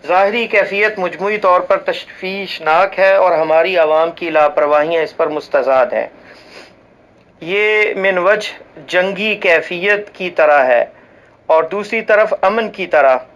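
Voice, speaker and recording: Man w/ reading out a religious ruling, formal and measured, smooth voice, kinda muffled lo-fi audio. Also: sits high, a bit bright. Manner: formal and measured, with occasional slips and restarts; recites Arabic scripture passages. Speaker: voice-over reader for a religious channel.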